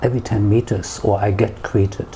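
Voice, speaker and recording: A German-accented man, a neighbourhood tour guide appearing as an interview guest, answers conversationally in short emphatic phrases, often ending with a questioning "yeah?". His voice is on the low side, steady and dark in tone at a moderate pace, with clear background noise and ambient sound.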